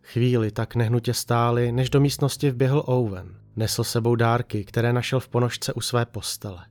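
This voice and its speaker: A man narrates a dark story calmly and evenly, in a storytelling manner, with a medium-pitched voice.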